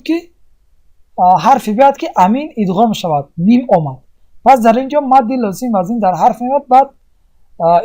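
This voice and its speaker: Mellow-voiced patient recitation teacher. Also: mid-range voice. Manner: asks and answers own questions; explains step by step with many pauses. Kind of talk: tajweed lesson.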